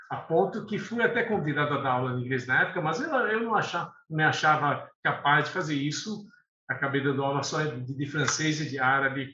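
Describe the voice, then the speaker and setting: His voice a little high, pushed and bright, the sixty-something ophthalmologist from Lebanon, an Arabic native speaker, takes his time in a conversational interview, filling pauses and restarting thoughts. Faint noise, an echoey room and a slightly dull tone mark the audio.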